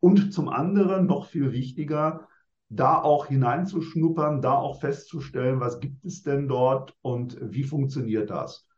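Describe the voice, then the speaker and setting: A man in his sixties lays out his thoughts step by step in formal, orderly phrases. His voice sits at a middle pitch. The room sounds echoey and the recording is somewhat dull. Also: darkish tone. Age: 60s. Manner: measured, structured, formal wording. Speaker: interviewee. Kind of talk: reflective interview answers.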